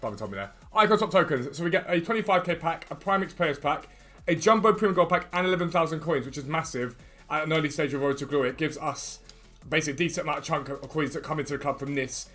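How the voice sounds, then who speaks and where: A man presents a gaming video in a casual, informal way, speaking directly to his viewers. His pace is very quick and his pitch sits a little high. His R's come out as W's. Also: sharp tone, soft background music. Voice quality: cannot pronounce R's properly, says w for r. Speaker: gaming YouTuber and host.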